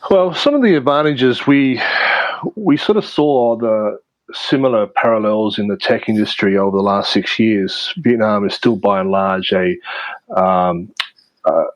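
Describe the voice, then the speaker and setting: A man answering interview questions in a measured way, with many fillers and restarts. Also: on the low side, no room sound, low-quality recording. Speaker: interview guest, media producer. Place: based in Vietnam.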